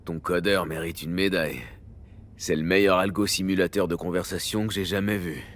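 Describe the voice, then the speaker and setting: A man's voice: deep voice, steady tone, normal speed, a bit bright. A man playing a skeptical but loyal streetwise techie in a French video game, casual and matter-of-fact. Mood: disillusioned.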